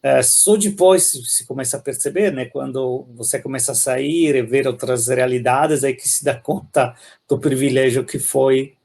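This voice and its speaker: A man from Italy with an Italian accent, a philosophy professor explaining ideas thoughtfully in an interview, often pausing and adding "né?". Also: medium pitch, creaky, a little mellow. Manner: thoughtful, many pauses and "né?" tags.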